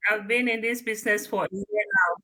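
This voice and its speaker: A woman speaks briefly on a video call and keeps checking whether she can be heard. Her voice is bright and sharp, at middle pitch. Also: fairly even intonation, brisk. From Cameroon. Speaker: guest.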